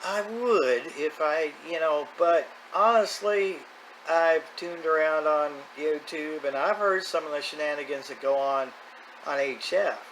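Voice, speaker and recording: A middle-aged or older man hosts a hobby video, talking in a casual, unscripted, plain-spoken, folksy vlog monologue. His voice is fairly high, a little slow, and fairly bright, and the poor audio carries clear background noise and ambient sound.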